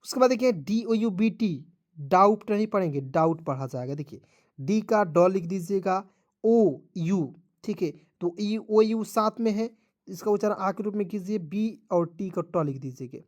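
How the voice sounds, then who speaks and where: A man's voice: sits high, animated, moderate pace, a little mellow. A man teaching English pronunciation in a video lesson, drilling each rule again and again and addressing viewers as friends.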